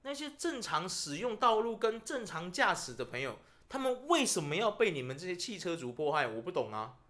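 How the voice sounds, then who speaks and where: This podcast host's voice sits high and moves fairly quickly. With a Taiwanese Mandarin accent, he chats casually, telling stories and ranting in a lively way.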